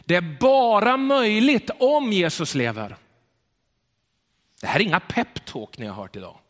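A man preaching a sermon as pastor, emphatic and slowing down on key words. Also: sits high, sing-song, a bit bright. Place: church. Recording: reverberant church hall.

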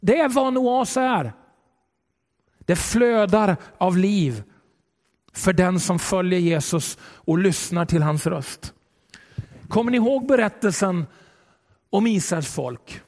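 A male pastor preaching a sermon with dramatic swings between loud and hushed delivery. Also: high voice, pauses often. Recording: long reverb of a large hall.

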